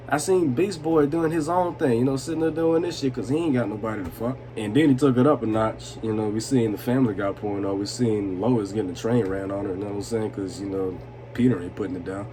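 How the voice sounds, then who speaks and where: Tipsy, rambling young man on a noisy recording. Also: medium pitch. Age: 20s. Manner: tipsy, rambling, breaking into chuckles; slangy, repeats "you know what I'm saying". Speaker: storytelling vlogger. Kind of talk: casual, profane personal storytelling. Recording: noisy room with steady background noise.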